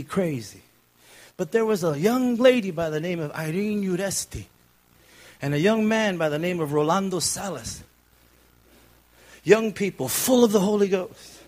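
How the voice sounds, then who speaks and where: A man from California in his fifties preaching a sermon with personal testimony, moving from quiet, low storytelling to shouted preaching.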